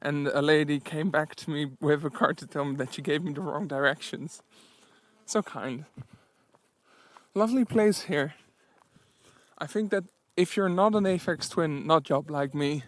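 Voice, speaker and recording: Chatty man with a slightly high voice. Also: measured pace, no echo. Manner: chatty, rambling, self-deprecating. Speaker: travel vlogger on a solo walking trip. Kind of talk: casual anecdotal audio diary. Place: outdoors, on a walking trip.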